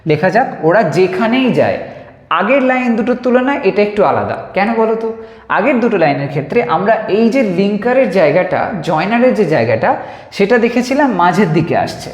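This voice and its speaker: A man teaching an English grammar lesson, patiently repeating examples and slowing down to spell them out. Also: sits high, very animated. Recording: echoey room with long reverb.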